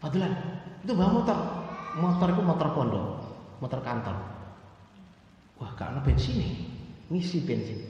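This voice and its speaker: Animated middle-aged man preaching in echoing hall. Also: fairly high pitch, normal speed, pauses often, a little hiss or hum. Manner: animated, acts out dialogue in changing voices. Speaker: Islamic teacher. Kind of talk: storytelling Quran lecture. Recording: echoey hall, distant dull lo-fi sound.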